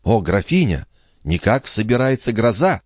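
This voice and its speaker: A man's voice: fairly low pitch, sing-song, moderate pace, dry recording, clean studio sound, voice pushed up. A man reading an audiobook, voicing a sensible, lightly mocking female companion. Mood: teasing. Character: grown woman, the countess's teasing, sensible companion.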